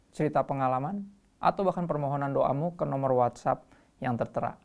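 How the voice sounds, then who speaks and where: Easygoing man teaching scripture. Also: fairly high pitch. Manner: relaxed, conversational, explains scripture verse by verse. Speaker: host. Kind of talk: casual Bible teaching.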